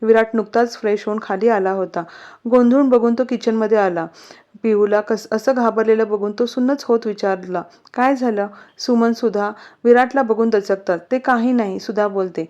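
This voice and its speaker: A woman narrating a romance story in a steady, expressive reading. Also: mid-range voice. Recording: slightly muffled recording.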